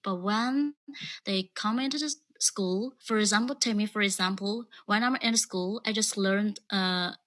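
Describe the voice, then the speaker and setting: A woman calls in to ask questions about learning English. She speaks carefully and hesitates at times. Her voice is bright. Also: mid-range voice, normal speed. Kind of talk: asking questions in a live chat.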